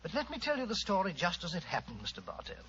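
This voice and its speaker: A dull vintage radio recording holds a loyal, fussy British gentleman doctor. The voice is bright and lively, in old-fashioned radio drama style. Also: high-pitched, quick pace, exaggerated voice. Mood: storytelling. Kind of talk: 1940s radio acting. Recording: muffled, hissy old-time radio recording.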